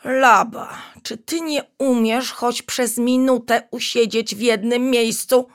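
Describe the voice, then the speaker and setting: A woman's voice: mid-range voice, very animated, slow pace, a bit bright, full character voice. Woman voicing an old baboon doctor, humming. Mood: exasperated. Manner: thoughtful, murmuring hums. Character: old wise male baboon doctor, fussy.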